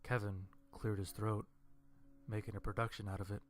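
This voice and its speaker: Man, horror story narrator, deep voice, monotone, deadpan. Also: normal speed, a little hiss or hum.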